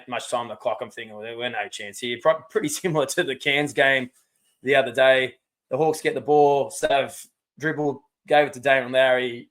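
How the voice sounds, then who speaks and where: Heartfelt dad on a podcast. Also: male voice, medium pitch, fairly bright tone. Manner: heartfelt, nostalgic storytelling. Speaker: podcast co-host. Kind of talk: casual podcast chat, storytelling.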